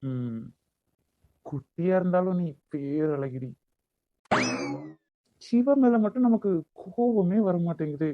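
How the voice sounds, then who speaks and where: In a dull, lo-fi cartoon recording with a noisy background, a man with a Kanyakumari Tamil accent plays a bossy, hot-tempered young lover. His voice is high-pitched and slow, with frequent pauses, and he sounds brusque and demanding.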